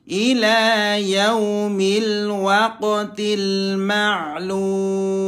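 A man's voice: high voice, fairly bright tone. An Indonesian man teaching Quran reading, chanting Arabic examples with over-enunciated, stretched syllables. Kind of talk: instructional lesson with chanted Arabic recitation examples.

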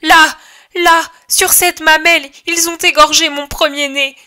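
A woman's voice: very high voice, slow, bright, forceful tone, voice pushed up, full character voice. A woman reader voicing a grieving mother who cries out in despair over her lost children, in a shrieking, sobbing outcry for an audiobook. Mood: anguished wailing. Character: grieving bereaved young mother, wailing in despair.

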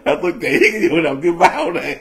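A man's voice: a little high, very animated, quick pace, vocal fry. A man in his fifties, a Buddhist monk giving an informal talk, blunt and self-mocking, laughing often as he speaks.

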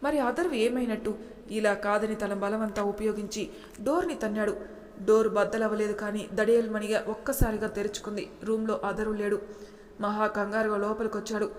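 A woman narrating a serialized story in a steady, dramatic way. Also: medium pitch, normal speed. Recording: roomy with long reverb.

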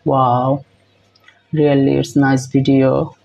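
A young man hosts a reaction video, giving casual commentary in halting, repetitive English full of fillers. His mid-range voice is monotone and gravelly. He's filmed close up on a phone in a small room, and the sound is lo-fi.

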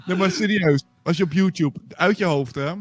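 Higher-voiced man in insistent banter. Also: moderate pace, no room sound, faint music behind. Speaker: gaming show host. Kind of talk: casual banter during game play.

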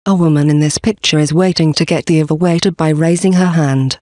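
A man giving a scripted presentation for a company, reading slide contents and symbols aloud in a steady, even delivery. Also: a little high, a little fast, no echo, studio quality.

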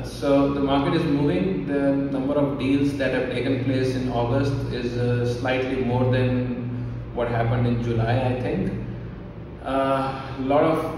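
A man with an Indian accent delivers informal market commentary in a level, little-varying voice. He is halting, often repeating a phrase as he works out his point. He sounds distant from the microphone in a strongly reverberant office, with clear background noise. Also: medium pitch. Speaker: real estate agent presenting a market update. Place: small office indoors. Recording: very echoey room, distant mic, background noise.

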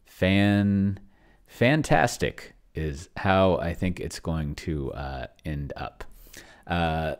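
A very deep-voiced streamer in his forties rambles casually with lively intonation, halting, digressing and interrupting himself. He's in a small home office with bookshelves, speaking close into a large desk microphone.

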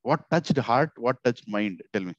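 A middle-aged man with a South Indian accent giving an informal devotional sermon, animated and repetitive, asking rhetorical questions into a headset mic. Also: mid-range voice, measured pace, dry recording. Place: small indoor office. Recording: slightly dull, lo-fi headset audio.

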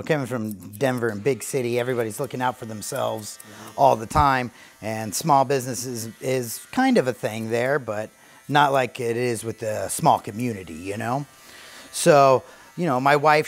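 Earnest bearded barber, mid-pitch. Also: male voice, normal speed, soft background music. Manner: earnest, grateful, many fillers. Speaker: barbershop owner. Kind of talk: casual interview while cutting hair. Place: barbershop basement.

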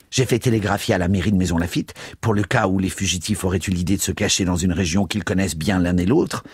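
A man's voice: lowish voice, husky, no echo, studio quality. A man reading aloud, voicing a pompous, irritable elderly father who blusters.

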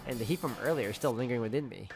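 A man reads a visual novel's first-person narration aloud. His pitch is medium, and clear music plays behind him. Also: racing. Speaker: reader of a visual novel playthrough.

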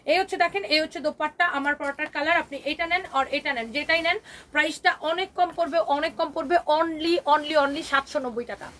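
A woman hosting a live online clothing sale, talking in a fast, emphatic, repetitive sales patter that mixes in English words. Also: sits high, steady tone, sharp tone. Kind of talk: live-stream sales pitch.

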